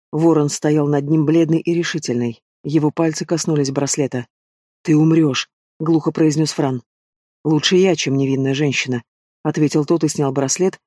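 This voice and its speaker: A man narrates an audiobook in a fairly high voice, recorded dry and close with no room sound. He reads the dialogue without much change of character. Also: warm tone, no room sound. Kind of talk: scripted narration.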